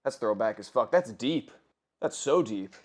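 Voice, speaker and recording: Over gameplay, a gaming commentator in his twenties tells crude, rambling stories full of swearing and self-corrections. His medium-pitched voice is expressive, and he speaks at a measured pace.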